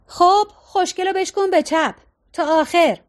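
A grumbling, stubborn middle-aged husband who nags about every small fault, as a woman reads him in a storybook. The voice sits fairly high and bright for a man. It keeps a complaining, told-you-so tone. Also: lively intonation. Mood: bossy. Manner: complaining, nagging.

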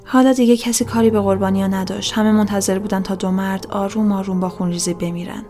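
A woman telling a true-crime story in a steady, dramatic narration. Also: medium pitch, soft background music.

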